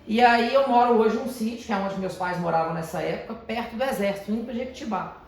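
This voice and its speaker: 30s mineiro guy giving a calm slow pep talk to teens, super echoey hall, a bit of noise behind. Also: sits high, vocal fry. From Brazil, Minas Gerais. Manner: deliberately calm, slowed and softened delivery. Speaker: motivational speaker to teenagers. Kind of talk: motivational talk. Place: large echoey house of prayer.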